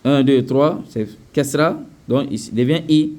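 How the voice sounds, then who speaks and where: A man teaching Quran recitation rules in French, repeating each word slowly and often checking that students follow. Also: medium pitch, dark tone. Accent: West African French. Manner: repetitive, drills pronunciations slowly, often checks understanding. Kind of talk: tajweed lesson.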